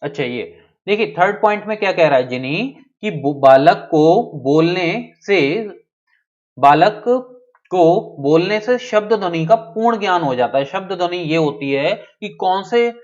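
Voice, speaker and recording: A man's voice: high voice, animated, unhurried. A man teaching a live online class in a somewhat raised voice. He keeps checking in with his students and reads their names aloud as they reply. The sound is dull and lo-fi.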